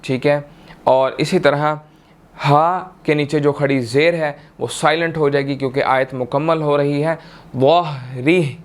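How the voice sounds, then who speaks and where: A man with a Pakistani Urdu accent teaching tajweed, chanting verses in long drawn-out tones and then explaining each rule briskly, often checking in with "theek hai". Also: fairly high pitch, fairly even intonation, clean tone. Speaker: Quran recitation teacher. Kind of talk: tajweed lesson, slow chanted recitation then quick explanation.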